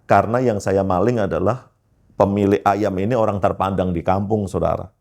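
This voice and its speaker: A man, a pastor, telling his life testimony in a lively storytelling way, often turning to address his listeners directly. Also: deep voice, moderate pace, creaky.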